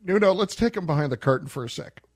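Male radio host, high-set voice, casual banter, wryly amused and teasing. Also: animated, fast talker.

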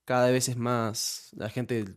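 A young man from Uruguay, a YouTuber guest in an informal podcast interview, speaks slowly in a medium-pitched, level tone. His Uruguayan Spanish accent is present, and he restarts a lot and uses many fillers.

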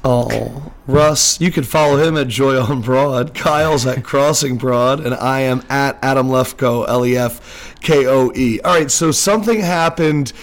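A man's voice: medium pitch, unhurried. A man hosting a sports podcast, recorded under a blanket, talking in a chatty, joking way and a little nervous about his sound. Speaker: podcast host. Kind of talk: casual sports podcast chat. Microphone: home microphone under a blanket.

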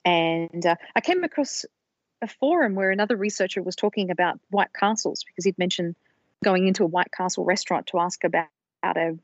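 Speaking a little fast in a lowish voice, this podcast co-host lays out her research in a relaxed, explanatory manner, restarting now and then as she goes carefully through it. The audio is dry, dull and lo-fi.

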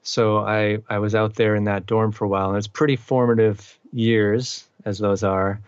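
A man's voice: lowish voice, normal speed, clean tone, no room sound, dull audio. A middle-aged man from eastern Massachusetts, a musician guest chatting casually with lots of fillers. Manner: relaxed, rambling, many fillers. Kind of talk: casual interview chat.

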